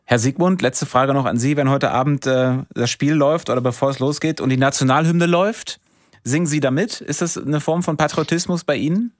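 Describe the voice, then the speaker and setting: Brief: male radio call-in host, brisk questions, dry studio sound. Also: mid-range voice, dry recording. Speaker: radio talk show host. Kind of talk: live radio call-in moderation.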